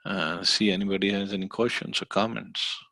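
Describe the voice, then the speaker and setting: A man's voice: deep voice, steady tone, fairly quick, creaky, pushed and bright, no echo. A man teaching a scripture class, explaining patiently with some hesitant fillers. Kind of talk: scripture study lecture.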